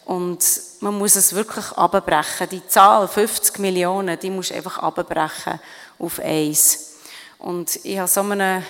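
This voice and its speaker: In a large hall, a middle-aged woman from Switzerland is interviewed on stage at an event, answering earnestly and thoughtfully in a Swiss German accent with plenty of fillers and restarts. Her voice is fairly low, steady, a bit bright, and a little slow.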